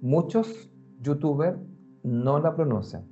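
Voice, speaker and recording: Animated man, muffled recording. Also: on the high side, takes it slowly. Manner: animated, conversational, addresses the listener directly. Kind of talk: casual explanatory talk. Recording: muffled lo-fi sound with faint music.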